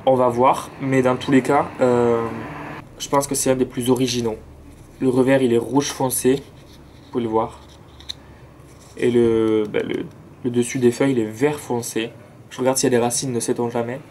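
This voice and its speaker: A man's voice: mid-range voice, flat delivery, moderate pace, darkish tone, a little hiss or hum. A man with a southern French accent chatting enthusiastically about his plants outdoors, with slangy asides. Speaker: plant vlogger. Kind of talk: casual chat. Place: outdoors near a road with cars and planes.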